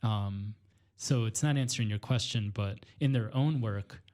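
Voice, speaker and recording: A man from northwestern Illinois, a poet and teacher, speaking reflectively as a podcast guest, pausing often with fillers and restarting his sentences. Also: on the low side, a little mellow. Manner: thoughtful, hesitant, many fillers and restarts. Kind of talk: reflective conversation.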